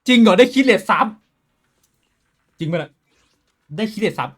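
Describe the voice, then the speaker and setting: A man streaming a game live, talking with his viewers in a profane, excitable way that swings between loud outbursts and quiet muttering. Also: high-pitched, a little slow. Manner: switches between shouting and muttering. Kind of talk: casual live-stream commentary.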